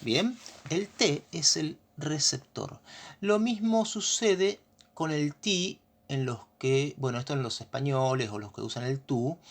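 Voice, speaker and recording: A patient teacher with an Argentine accent works through a grammar lesson. The speaker keeps stopping to check that the class is following with quick questions, at a middle pitch.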